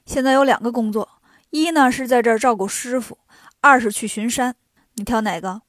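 A woman voicing a clever, mischievous male monkey king who talks briskly and teasingly, for a children's story. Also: a little high, no room sound, studio quality, lightly acted. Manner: brisk, teasing, quick-witted.

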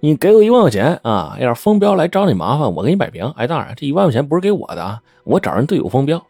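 男人扮演的油嘴滑舌的小混混二溜子. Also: male voice, a little high, rapid-fire, slightly rough, no echo, faint music behind, voice pushed up, exaggerated voice. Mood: wheedling. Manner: fawning, scheming, excitable. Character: sly wheedling male small-time hustler.

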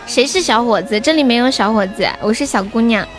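A woman's voice: a little high, a little fast, music in the background. A young woman hosting a livestream, chatting casually and playfully teasing her viewers with advice. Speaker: livestream singer and host.

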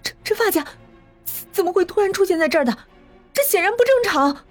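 A woman voicing a frightened, sensible schoolgirl who stammers in high-pitched alarm. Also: expressive, a little fast, soft background music. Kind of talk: storybook narration.

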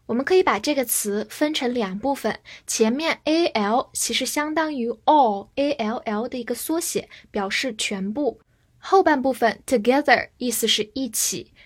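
A woman teaching English vocabulary in a structured lesson, spelling words letter by letter and reading example sentences slowly for learners to repeat. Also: on the high side. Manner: clear, deliberate, spells words letter by letter and reads slowly for repetition.

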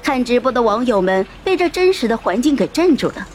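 A woman's voice: on the high side, sing-song, brisk, slight background noise. A woman narrating a novel as an audiobook, telling the story expressively.

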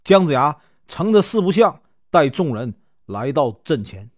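A man telling a classic legend in a casual, chatty storytelling way, with lots of drawn-out filler particles. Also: a little high, very animated, no room sound, clean studio sound.

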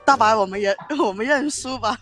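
A woman's voice: a little high, brisk, a bit bright, faint music behind. A woman taking part in a live-streamed party game, giggly and a little hesitant. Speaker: game player on a livestream. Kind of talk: casual chat.

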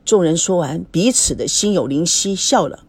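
A woman narrating an audiobook story in a lively storytelling manner. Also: lowish voice, normal speed, slightly rough, no echo. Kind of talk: scripted narration.

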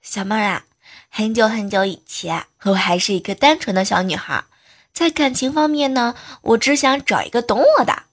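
A woman voicing a cheeky male friend who tells dirty jokes in a teasing, insinuating way, in a little lower than her own voice. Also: normal speed, a bit bright.

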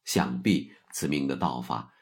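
A middle-aged man narrating a story in a measured, storyteller's way as a show's host. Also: a bass voice, breathy edge. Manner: slow, measured storyteller's delivery.

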